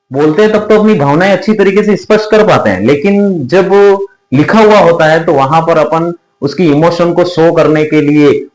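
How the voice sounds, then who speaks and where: A male teacher giving a classroom lecture at a board, explaining slowly, repeating points and asking his students questions. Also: on the high side, reverberant, poor audio.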